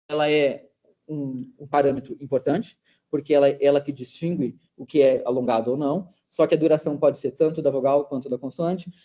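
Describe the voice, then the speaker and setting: A man's voice: a little high, dark tone. A man giving an academic seminar talk over a video call, explaining slides step by step with frequent hesitations and restarts. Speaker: linguistics researcher presenting. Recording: dull lo-fi meeting recording.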